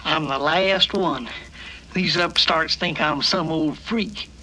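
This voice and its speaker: An actor playing a battered old robot, weary and loyal, with a folksy old-timer way of talking, in a storybook dramatization. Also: male voice, on the high side, slow, pushed and bright, slight background noise, heavily acted. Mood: weary, confiding.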